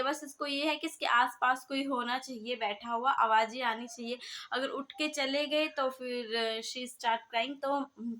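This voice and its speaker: High-voiced young mother rambling casually. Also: pushed and bright. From Himachal Pradesh, India. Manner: rambling with many fillers and restarts. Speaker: vlogger mother. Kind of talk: casual storytelling vlog.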